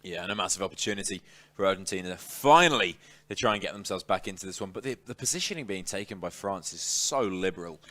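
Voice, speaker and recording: A man giving live esports match commentary, excitable and emphatic. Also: deep voice, fast talker. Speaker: esports caster.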